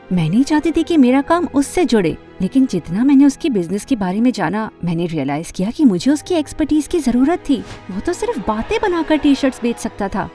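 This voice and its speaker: A woman with a high voice plays an ambitious, fashion-loving teenage girl narrating her own animated story. She's dramatic and expressive, mixing in English words.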